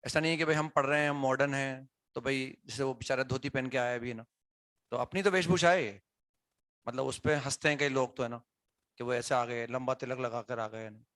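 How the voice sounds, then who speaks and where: Man, bright voice, dry close sound, chatty classroom explaining. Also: medium pitch, fairly even intonation, brisk, no room sound. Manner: conversational, asks students questions, frequent "है ना" tags. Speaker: teacher. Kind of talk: classroom talk to students.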